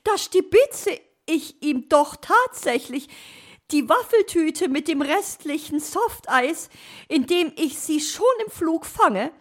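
A woman voicing a chatty, bossy female magpie in a storybook, talking in a shrill, teasing way. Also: heavily acted.

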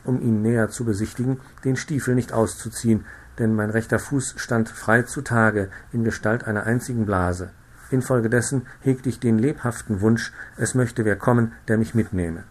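A man reading a classic story aloud, narrating in a measured, expressive way. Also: mid-range voice. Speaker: reader. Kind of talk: literary audiobook narration.

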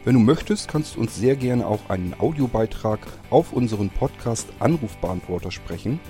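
A man's voice: mid-range voice, expressive, moderate pace, warm tone, soft background music. A man reading a friendly podcast outro with contact details. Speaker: podcast host.

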